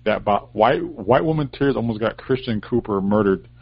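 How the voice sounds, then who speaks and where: A man in casual discussion, arguing his points in a measured, deliberate way. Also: fairly low pitch, animated, husky, no room sound. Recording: dry, dull lo-fi recording.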